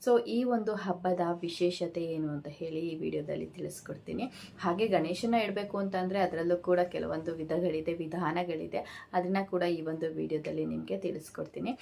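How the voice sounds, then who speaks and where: Speaking at a moderate pace in a fairly low voice with vocal fry, a woman walks her viewers through festival rituals in a casual instructional video. She explains steadily, often saying "so" and pausing with little hesitations, while a faint hiss or hum sits under the recording.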